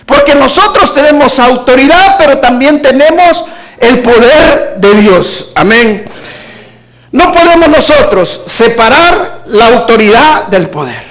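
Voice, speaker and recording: A man preaching a sermon as pastor, moving between emphatic declarations and hushed low asides. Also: expressive, measured pace.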